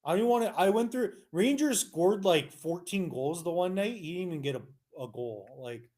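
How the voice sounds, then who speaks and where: Young Canadian male co-host, slightly high voice, argumentative, animated live-stream banter. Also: normal speed. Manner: animated, argumentative, many restarts. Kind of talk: casual live-stream chat.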